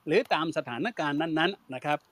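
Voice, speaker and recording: A man giving an unhurried academic talk as a panel speaker, explaining word roots and mixing English terms into his speech. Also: fairly high pitch, a bit bright, no room sound.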